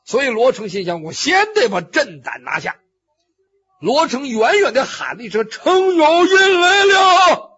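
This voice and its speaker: A man's voice: sits high, huge pitch swings, normal speed, a bit bright, breathy edge. A man telling a traditional Chinese story vividly, with spoken sound effects and acted cries. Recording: dull lo-fi recording.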